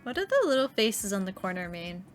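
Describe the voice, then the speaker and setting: A woman's voice: medium pitch, very animated, brisk, soft background music. A woman streamer chatting and joking casually over a game.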